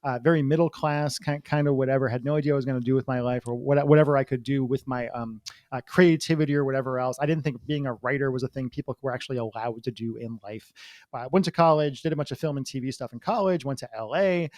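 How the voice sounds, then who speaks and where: Male guest, 40s, mid pitch, frank storyteller, dry recording. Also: a little mellow, no echo. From Massachusetts. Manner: candid, fast-flowing storyteller who swears casually. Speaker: guest, copywriter. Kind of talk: casual interview storytelling.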